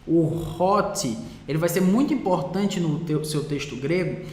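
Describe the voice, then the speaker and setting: A Brazilian man teaching a Greek lesson in a Portuguese classroom style, patient and repeating words slowly while writing on a board. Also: a little high, expressive, darkish tone. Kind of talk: classroom lecture. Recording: roomy hall echo.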